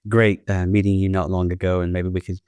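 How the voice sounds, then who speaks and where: A man's voice: sits low, flat delivery, fairly quick, darkish tone, clear, resonant tone, dry recording. A middle-aged man from the southern United States, a college principal talking as a podcast guest in an earnest, conversational way. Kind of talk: podcast interview.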